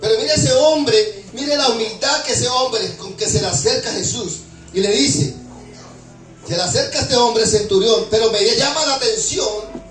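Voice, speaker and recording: Male pastor, high voice, preaching sermon, call and response with congregation, echoey hall, far from mic, music behind. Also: fairly bright tone. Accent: Latin American Spanish. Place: church hall. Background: background music.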